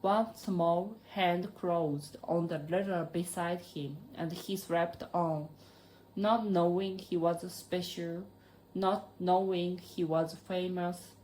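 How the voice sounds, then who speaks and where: A woman with a Japanese accent reading a storybook aloud as an audiobook narrator, in a careful, unhurried way. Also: fairly low pitch, a little mellow, a little hiss or hum, rough recording.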